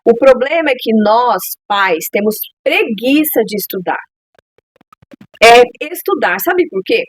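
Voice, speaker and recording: A woman's voice: on the high side, expressive, unhurried, slightly rough, no echo, poor audio. A woman hosting a parenting talk, speaking in an earnest, heartfelt way and repeating phrases for emphasis. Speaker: podcast host speaking to parents. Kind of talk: earnest advice monologue.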